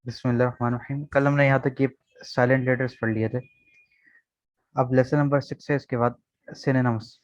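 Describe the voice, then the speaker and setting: A man's voice: medium pitch, little pitch movement, fairly quick, long pauses, dry recording. A man teaching an online vocabulary lesson over a video call, explaining step by step and often checking in with "okay". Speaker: English teacher. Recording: dull, dry video call audio.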